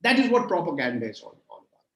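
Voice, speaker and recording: Joining remotely from a room, a man in his sixties takes audience questions as a lecture's guest speaker, stacking phrases into lists in an emphatic, rhetorical style. His gravelly voice is a little high, swings widely in pitch, and moves quickly, with noticeable reverb.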